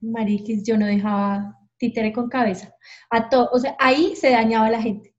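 A woman's voice: a little high, fairly even intonation, moderate pace, darkish tone. A woman telling her stories as a podcast guest, frankly and with animation, acting out the voices she quotes. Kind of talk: candid storytelling. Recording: dull lo-fi sound.

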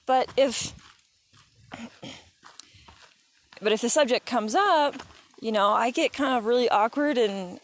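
Chatty mom vlogging by a creek. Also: female voice, mid-range voice, slight background noise. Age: adult mother of young kids. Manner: chatty, encouraging, talks directly to viewers. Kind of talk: casual motivational vlog. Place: outdoors by a creek in the woods.

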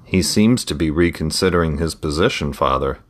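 A man voicing a dutiful young merchant's son who speaks calmly in a read-aloud story. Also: a bass voice, normal speed. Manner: calm, obliging.

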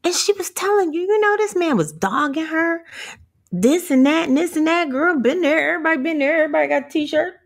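A woman's voice: high voice, animated, fairly quick, gravelly. A woman giving a motivational rant on her vlog. She is brash and profane and laughs often. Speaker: vlogger.

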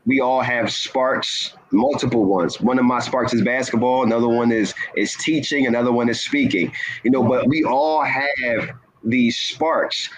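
A man speaking as a guest in an inspirational talk, earnest and measured, stressing key words. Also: medium pitch, steady tone, poor audio. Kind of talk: inspirational talk-show conversation.

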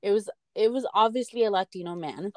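Brisk and a little mellow, this mid-range voice belongs to an American woman co-hosting a casual podcast chat, recorded with no room sound. She rambles emphatically and curses without restraint.

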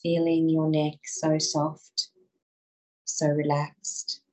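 A woman guiding a listener through muscle relaxation in a slow, soothing voice. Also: low-pitched, completely flat delivery, darkish tone, poor audio. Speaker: relaxation guide. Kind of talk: guided relaxation.

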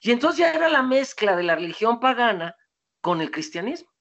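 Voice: medium pitch, big pitch swings, fairly quick, a bit bright, lo-fi sound. A lecturer giving an informal talk, digressing often, asking rhetorical questions and answering them.

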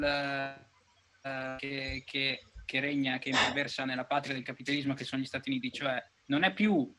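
A man with a mid-pitched voice speaks haltingly over a bad connection, groping for his words. Clear noise and clicks run under his speech. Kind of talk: casual group discussion on a call.

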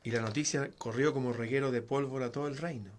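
A man tells a folk tale aloud in a relaxed, conversational way. His voice sits at an ordinary middle pitch, and he often breaks off into side remarks before picking the story back up. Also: fast, a little hiss or hum. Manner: digressive, conversational asides. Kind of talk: casual oral storytelling.

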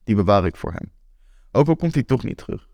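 A man's voice: on the low side, very animated, a little fast, vocal fry, a little mellow, no room sound. A man in his twenties reading a first-person story aloud, candid and wry. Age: 20s. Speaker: narrator.

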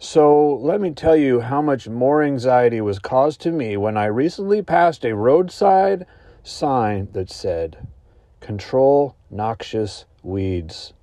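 A man hosting a comedy podcast, ranting in a deadpan, mock-earnest way with sudden high-pitched outbursts. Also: a little slow, no room sound. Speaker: podcast host. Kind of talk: comedic mock-anxious rant.

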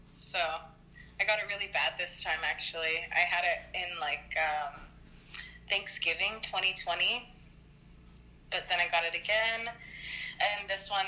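Young woman calling in, super bright sharp voice, coughing a bit, says like a lot, tinny phone line with faint hiss. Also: lowish voice. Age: early 20s. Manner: chatty, rambling with many "like"s. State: coughing, recovering from illness. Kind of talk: casual phone chat.

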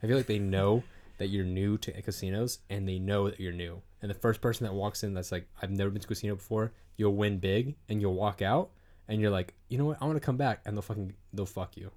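A man's voice: lowish voice, fast, a little mellow. A man in his twenties, co-hosting a podcast in a rambling, casual chat full of fillers and swearing. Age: 20s. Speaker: podcast co-host.

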